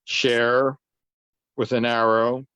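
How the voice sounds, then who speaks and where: A man's voice: medium pitch, little pitch movement, very slow, a bit bright, clean tone, no echo. A man spins a dry little anecdote while chatting with his bandmates over a video call. His voice sits close and dead, with a dull lo-fi edge.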